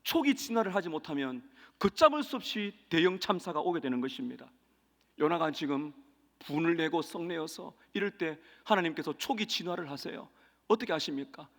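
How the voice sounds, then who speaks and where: A man with a notably high voice delivers an emphatic sermon that builds to forceful peaks. The sound comes from a church sanctuary with a long hall reverb. He speaks as a pastor guiding his congregation to repeat scripture after him. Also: animated, a little fast, gravelly. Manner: emphatic preaching that swells to loud peaks; leads the congregation in repeating verses.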